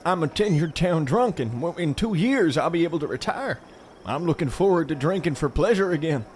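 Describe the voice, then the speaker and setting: A man's voice: fairly high pitch, animated, a little fast, a little mellow, soft background music, close to an everyday voice. An actor playing a folksy, rambling middle-aged town drunk father, cheerful and dim, in a comic audio drama. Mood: apologetic.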